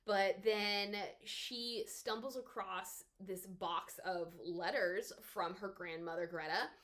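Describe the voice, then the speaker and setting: A woman from the American South giving a casual, chatty spoken book review with expressive pitch jumps. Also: takes it slowly.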